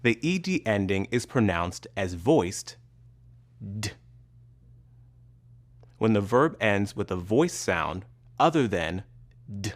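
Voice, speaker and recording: A man teaching English pronunciation in a scripted lesson, enunciating each sound carefully and pausing between words. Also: fairly low pitch, big pitch swings. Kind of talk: slow, deliberate scripted instruction.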